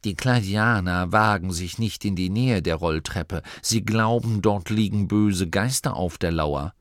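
Man doing jittery little gnome guide, fussy, stammering, a bit raised in pitch, dry sound. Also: unhurried, no room sound. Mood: nervous. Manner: fussy, stammering when scared. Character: nervous small gnome guide, male.

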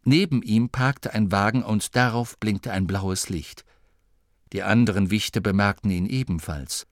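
A man narrating a story in an expressive, steady reading. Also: on the low side, unhurried, no echo, clean studio sound. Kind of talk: audiobook narration.

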